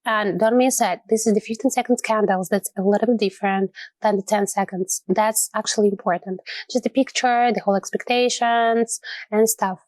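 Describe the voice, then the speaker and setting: Hoarse, sick woman talking through trades. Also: steady tone, normal speed, darkish tone, no room sound. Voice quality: lower than her usual voice. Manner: chatty and rambling, with light laughs. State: hoarse from illness. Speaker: trading channel host. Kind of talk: casual trading commentary over a screen recording.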